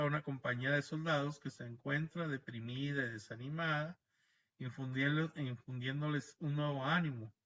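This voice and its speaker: A man's voice: medium pitch, bright, forceful tone, muffled recording. A man teaching a Bible class over a video call, explaining patiently and often checking in with his listeners. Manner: explanatory, frequent tag questions, restarts words.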